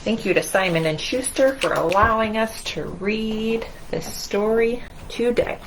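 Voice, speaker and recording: At a measured pace and slightly high pitch, a woman children's librarian guides young children through storytime with movement and read-aloud, sounding encouraging and singsong. Slight background noise marks the rough recording.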